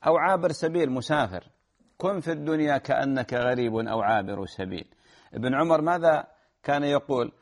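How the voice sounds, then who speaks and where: A man's voice: medium pitch, brisk. A man, a religious scholar giving earnest advice in answer to listeners' questions. He repeats phrases and restarts words as he explains.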